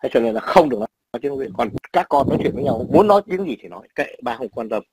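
A man's voice: mid-range voice, expressive, quick pace, darkish tone, husky, no room sound, low-quality recording. A man in his sixties from Vietnam with a Northern Vietnamese accent, telling blunt, profane stories in casual chat. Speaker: emigrant father.

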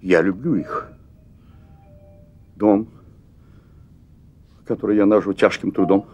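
In a stage play filmed for television, set in a theatre made up as a hotel room, an actor in his fifties plays an anxious middle-aged restaurant owner who longs for adventure. His confession runs long, full of hesitations and repeated words. His low, husky voice moves slowly with fairly even intonation, in a full character voice on a muffled recording.

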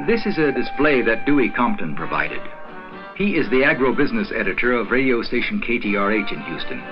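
An older man giving a measured scripted narration for a documentary film. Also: on the low side. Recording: dull 1970s film soundtrack.

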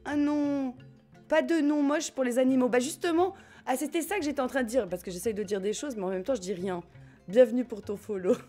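A woman's voice: sits high, brisk, dark tone. Chatty French woman streaming over game music. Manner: chatty, giggly, swears casually, talks to chat. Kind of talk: casual live-stream chat while gaming.

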